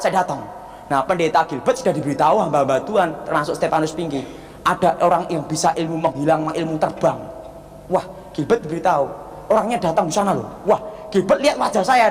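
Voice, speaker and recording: A man, a pastor giving a sermon testimony and telling his story with acted-out dialogue and loud exclamations. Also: high voice. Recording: long reverb of a large hall.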